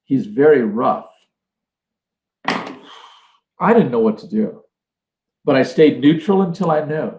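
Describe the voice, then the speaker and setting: A man's voice: a little high, lively intonation, unhurried, long pauses, a little mellow, reverberant, muffled recording. An older man giving an earnest leadership talk, telling stories and acting out quotes. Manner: earnest, storytelling with acted quotes. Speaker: leadership trainer. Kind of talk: motivational talk.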